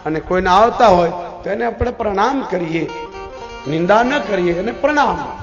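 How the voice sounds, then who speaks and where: A man's voice: sits high, animated, moderate pace, faint music behind. A Gujarati-accented man giving a devotional discourse, telling stories dramatically and acting out the characters' lines. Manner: dramatic, voicing characters in the story. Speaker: religious storyteller. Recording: dull recording in a reverberant hall.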